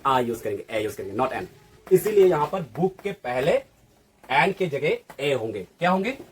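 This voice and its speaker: A man's voice: mid-range voice, very animated, normal speed, slight background noise. A man teaching an English grammar lesson who keeps asking the viewer questions and answering them himself. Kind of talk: classroom-style lesson.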